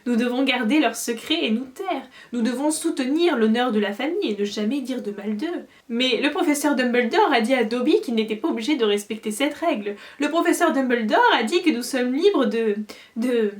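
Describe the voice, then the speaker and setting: A woman voicing a timid, eager male house-elf with a high, earnest, anxious voice. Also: lively intonation, moderate pace, close to an everyday voice.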